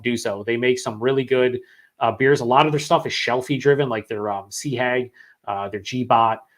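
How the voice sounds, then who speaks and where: A man with a mid-range voice hosts a live beer-review stream, his throat sore after hours of talking. He rambles and swears while reading chat comments aloud.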